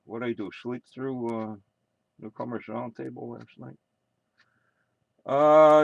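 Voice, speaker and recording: A man's voice: mid-range voice, no echo, poor audio. A man with an American accent acting as amateur radio net controller, making casual announcements with rambling, muttered asides.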